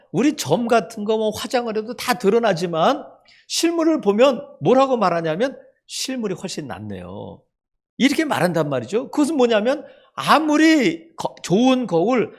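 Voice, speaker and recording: A male pastor in middle age delivers a sermon in an earnest, storytelling way. His voice sits high and swings widely in pitch. It falls quiet and soft whenever he voices a quoted line. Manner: earnest preaching, voice drops low and soft for quoted speech.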